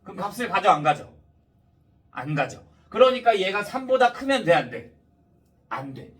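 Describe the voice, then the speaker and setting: Male math tutor, high animated pitch, slightly numb, lisping articulation after dental work, checks understanding often, a little off-mic. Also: moderate pace, recorded from a distance. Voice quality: slightly slurred, lisping diction, numb-mouthed after wisdom tooth extraction. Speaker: math teacher. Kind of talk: step-by-step math lesson with rhetorical questions to students.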